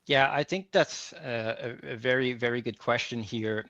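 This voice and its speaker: Earnest and thinking aloud, this workplace psychology advisor from Quebec City keeps restarting and repeating words as he answers interview questions. French is his first language, and he speaks with a Québécois accent. His medium-pitched, slightly bright voice moves at normal speed in a muffled recording with no room sound.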